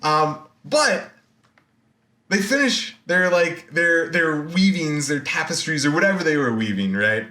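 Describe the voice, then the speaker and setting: A man giving a recorded university lecture, retelling a myth in a slangy, animated way with lots of fillers. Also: fairly high pitch, measured pace, reverberant.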